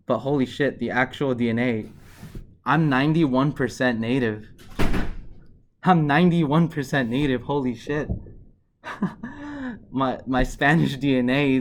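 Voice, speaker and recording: An earnest man talks to his camera in a casual vlog. His voice sits at an ordinary middle pitch. He checks in with the viewer by asking "right?" and often restarts a phrase before he finishes it. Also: expressive, unhurried, long pauses, slight background noise. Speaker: vlogger.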